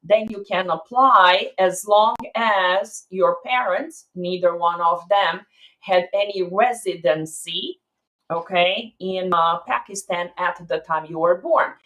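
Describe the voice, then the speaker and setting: A woman's voice: on the low side, takes it slowly, a bit bright, lo-fi sound. A woman immigration attorney answering viewers' questions on a live stream, explaining step by step and checking in with "okay?".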